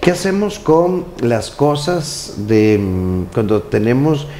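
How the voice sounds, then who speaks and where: A male interview host with a warm, mellow voice. He asks long, winding questions, pausing and restarting as he goes, with a faint hiss in the background. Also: mid-range voice, big pitch swings, roomy sound.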